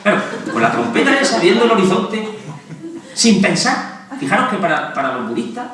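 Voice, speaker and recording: Man, doctor lecturing, animated and humorous, fairly high voice, echoey auditorium. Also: a little fast, a crowd in the background. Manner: animated, humorous, acts out quotes. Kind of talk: lively public lecture. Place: hospital auditorium. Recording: echoey hall from a distance.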